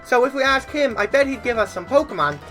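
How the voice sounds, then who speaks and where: A woman voicing a hyper, caffeinated young boy in a high, sped-up chipmunk-like voice while playing a video game. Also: soft background music. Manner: rushed, excitable. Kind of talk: let's play voice acting.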